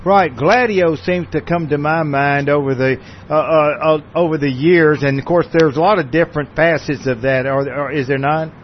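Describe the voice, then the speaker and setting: Rambling male radio host, somewhat high voice. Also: moderate pace, few pauses, slight background noise. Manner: rambling, with restarts and fillers. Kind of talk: casual radio interview. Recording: dull lo-fi radio recording.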